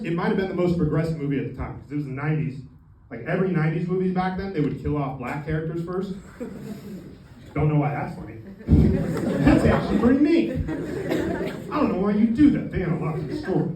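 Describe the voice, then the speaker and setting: A young man doing a stand-up comedy set, with crude, mock-angry punchlines that escalate. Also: sits high. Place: comedy club stage with audience laughing. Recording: echoey club, distant mic, noisy room.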